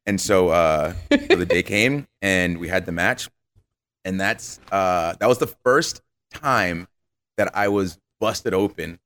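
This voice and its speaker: A man's voice: deep voice, slow pace. A man, a podcast guest, telling stories in a casual interview and acting out the voices of the people he quotes. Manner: animated, acts out quoted voices.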